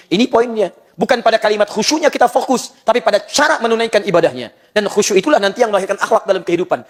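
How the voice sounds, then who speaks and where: Animated male preacher in a reverberant hall. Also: sits high. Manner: animated, joking, acts out little quoted scenes. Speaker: ustadz preacher. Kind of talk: sermon.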